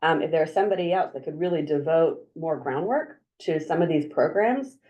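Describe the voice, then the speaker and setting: Woman w/ a low voice, talking through a meeting, lots of ums and restarts. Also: lively intonation, normal speed, lo-fi sound. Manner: chatty, upbeat, many fillers and restarts. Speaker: drug council coordinator leading a meeting. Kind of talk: meeting presentation.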